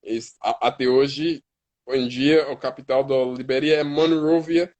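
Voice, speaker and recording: A native English-speaking man with an American accent, a hip hop artist, guests on a casual live stream, halting and restarting words as he searches for them in Portuguese. His voice is medium-pitched and darkish with a steady tone.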